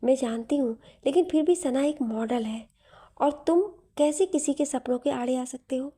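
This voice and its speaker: A woman's voice: high-pitched, moderate pace, mellow, husky. A woman voicing a playful, teasing young woman in a story. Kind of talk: storybook narration.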